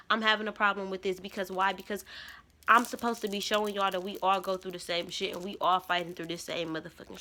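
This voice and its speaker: With a sharp tone in the middle range, a spiritual vlogger in her twenties shares an emphatic testimony with viewers, using slang and repeating herself as she tells it.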